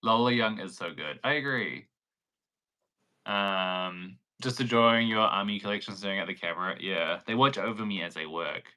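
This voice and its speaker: On a casual crochet livestream, the young New Zealand host and pattern designer chats and giggles, peppering his speech with likes and ums. His voice sits on the low side, pushed and bright, at normal speed.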